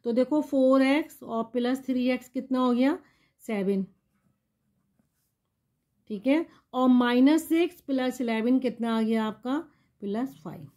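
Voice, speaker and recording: A woman's voice: high voice, unhurried, pauses often, mellow. A woman maths teacher explaining polynomial division step by step, patiently asking the class questions and answering them herself.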